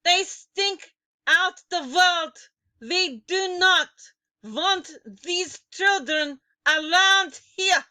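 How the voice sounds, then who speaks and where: Screeching witch queen, very high, loud, dry close mic. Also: lively intonation, slow, dry recording, exaggerated voice. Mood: screaming rage. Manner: screaming, spitting rage. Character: furious shrieking ancient female witch queen. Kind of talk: audiobook character voice.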